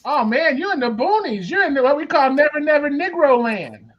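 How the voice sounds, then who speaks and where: A host of a casual live chat show, loud and laughing, calling out to guests. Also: sits high, animated, a little fast, muffled recording. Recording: loud background noise.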